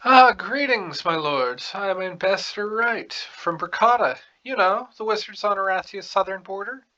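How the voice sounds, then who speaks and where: A man voicing a formal, courteous fantasy game ambassador of wizards in a stately, measured, diplomatic way. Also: sits high, sharp tone, lo-fi sound, pitched above the performer's own voice. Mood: courteous, pushy.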